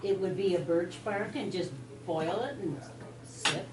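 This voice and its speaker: A woman's voice: on the low side, a little slow, background noise. A woman in the audience asking the lecturer curious questions. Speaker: audience member. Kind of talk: casual questioning. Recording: echoey room, far mic, crowd behind.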